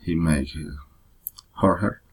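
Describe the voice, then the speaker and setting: A man from Rica, giving a halting personal presentation in learner's English, full of pauses and uh fillers. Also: a bass voice, breathy edge. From Costa Rica. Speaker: presenter of a personal photo story.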